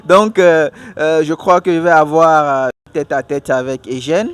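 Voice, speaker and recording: A man hosting a casual outdoor interview at a food stall, speaking in a lively, upbeat way. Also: on the high side, measured pace, smooth. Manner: lively and upbeat, laughs easily. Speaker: interviewer and show host.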